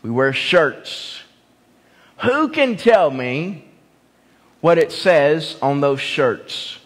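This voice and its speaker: Pastor, male, high-pitched, emphatic sermon delivery in a long-reverb sanctuary. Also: big pitch swings, extremely slow. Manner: emphatic, repeats key phrases, asks the congregation questions. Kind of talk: evening sermon. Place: church sanctuary.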